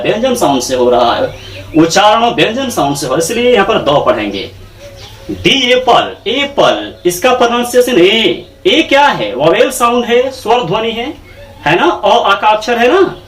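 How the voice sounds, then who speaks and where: A man giving a grammar lesson, his pitch high and swinging widely as he drills each rule. He repeats every point twice over and keeps checking that listeners follow. The sound is roomy and echoing, with the mic set back from him. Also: fairly bright tone. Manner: repeats each point in English and Hindi terms, asks rhetorical checks. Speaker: English grammar teacher. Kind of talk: classroom lecture. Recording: echoey room, mic far off.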